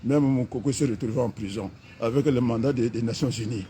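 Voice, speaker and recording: A middle-aged man from the Republic of the Congo. He gives an impassioned, mocking political rant outdoors, filmed on a camera held by a companion, with sudden loud outbursts. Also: mid-range voice, brisk, slight background noise. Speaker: political activist.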